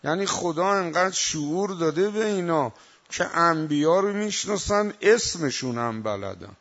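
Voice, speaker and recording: A man delivers a religious sermon in a fairly high voice. He drops into quiet asides, then rises to loud, emphatic recitation. The recording is dull and lo-fi. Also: animated. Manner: dramatic, swings between soft asides and loud emphatic recitation. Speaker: preacher.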